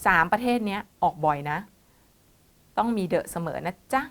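A woman's voice: medium pitch, lively intonation, normal speed, a bit bright. A woman teaching an online IELTS writing lesson, explaining step by step and calling her students "child".

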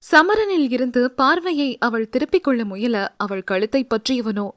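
Woman reading a story aloud, kinda high voice, dry close mic, steady storyteller pace. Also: normal speed, no room sound. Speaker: audio novel narrator. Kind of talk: scripted narration.

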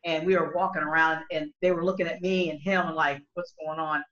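A middle-aged woman who sings country music talks earnestly over a video call from home, in a casual discussion full of restarts. Her voice is low-pitched and a little bright, with fairly even intonation and a quick pace. The laptop webcam mic gives the audio a dull, lo-fi quality.

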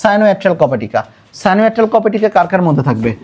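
This biology teacher, a man with a Bangladeshi Bengali accent and a voice that sits notably high, drills students by firing repeated questions and pushing them to respond louder, slipping in English words as he explains. He speaks at a racing pace with big pitch swings and a breathy edge.

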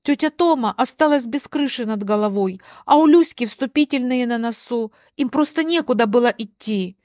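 A woman's voice: fairly high pitch, moderate pace, darkish tone, no echo, studio quality, close to an everyday voice. A woman voicing a weary, apologetic young husband in a spoken story.

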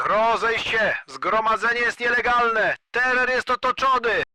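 A man's voice: extremely high pitch, unhurried, no echo, full character voice, poor audio. A man playing a police officer on a megaphone. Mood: commanding. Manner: barking short shouted orders. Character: stern male police officer dispersing a crowd. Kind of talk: comedy sketch acting.

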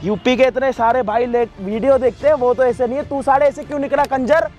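A man's voice: very high voice, steady tone, fairly quick, darkish tone, faint music behind. A young man, angrily interrogating and threatening someone over and over in a staged confrontation video. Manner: aggressive, repetitive interrogation. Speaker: confronting vigilante.

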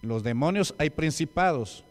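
In a reverberant church hall, a Peruvian deacon preaches with emphasis and fires rhetorical questions at the congregation. His voice sits on the high side, animated and at normal speed, and the reverb lingers long.

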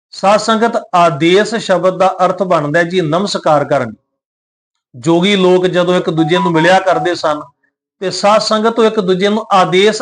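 A man with a Punjabi accent teaching scripture and its pronunciation, addressing listeners as a congregation and chanting verses slowly before explaining them. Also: high voice. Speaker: Gurbani teacher.

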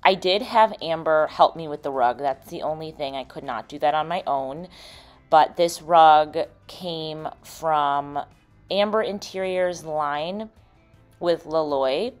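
A woman's voice: low-pitched, slow, smooth. A woman in her thirties hosting a casual room makeover vlog, chatting and explaining things step by step. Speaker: host and room designer. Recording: background music under the voice. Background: music.

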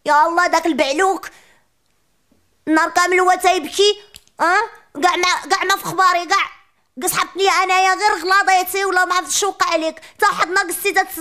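A woman's voice: steady tone, bright, forceful tone. A woman voicing a chatty, sassy little preschool girl with a Moroccan accent, ranting in a comic monologue. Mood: complaining. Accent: Moroccan Arabic. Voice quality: childish high voice, rapid rants.

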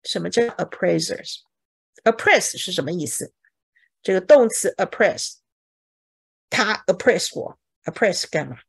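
A woman's voice: on the low side, animated, unhurried, creaky, long pauses, breathy edge. A woman teaching a bible English lesson in Mandarin, explaining each word and checking with her students. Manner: acts out examples dramatically.

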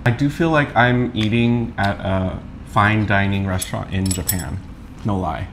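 A man's voice: lowish voice, a little slow, slight background noise. A man co-hosting a food channel, chatting casually while talking after a bite of food. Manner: relaxed, chatty. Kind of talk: casual mukbang chat.

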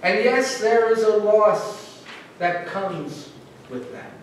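Middle-aged male minister, higher voice, earnest conversational sermon, echoey sanctuary, distant mic. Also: a little hiss or hum. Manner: earnest, conversational preaching with pauses and slow emphasis. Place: church sanctuary.

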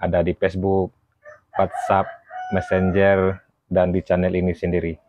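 Deep-voiced man, chatty lesson. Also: no echo. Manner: relaxed, chatty, with frequent fillers and self-corrections. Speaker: painter explaining how to price artwork. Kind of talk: casual talking-head tutorial. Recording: dry, dull lo-fi sound.

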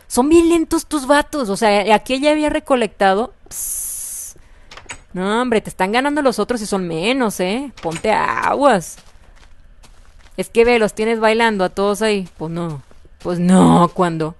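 Mexican spanish woman chatting over her game, excitable, repeats stuff a lot, medium pitch. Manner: chatty, excitable, repeats herself, frequent laughs. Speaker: gaming video host. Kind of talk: casual gameplay commentary.

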